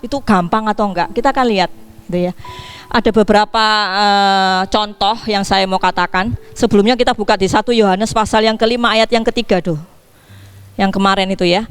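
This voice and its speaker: A woman pastor preaching a sermon in a lively way, asking her congregation questions. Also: medium pitch, brisk, clean tone, faint music behind. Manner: lively, asks the congregation questions, acts out dialogue. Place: church.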